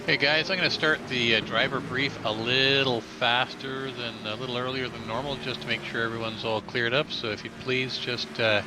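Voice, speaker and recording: A man acting as race director for an online racing league, talking over group voice chat and briefing the drivers with relaxed "uh" pauses. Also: medium pitch, background noise. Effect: heard over group voice chat. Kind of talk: casual voice chat, then giving a race briefing.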